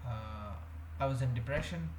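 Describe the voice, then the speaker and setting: This Indian vlogger, a young man, speaks at a normal speed in a mid-range, somewhat dark voice. He addresses the camera hesitantly, wandering through a confessional full of fillers and restarts, recorded in an echoey room with a faint hum.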